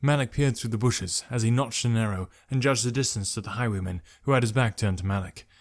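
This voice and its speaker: Guy reading an audiobook chapter, steady mid-pitched voice. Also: brisk. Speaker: narrator. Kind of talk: scripted narration.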